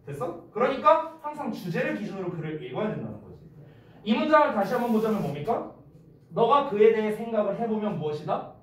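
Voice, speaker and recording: A man tutors English in a casual, lively lecture. His high voice swings widely, and he checks often whether his students are following. He is heard from far off in a very echoey room with faint noise behind. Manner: keeps checking understanding with quick questions; lively, gives acted-out examples.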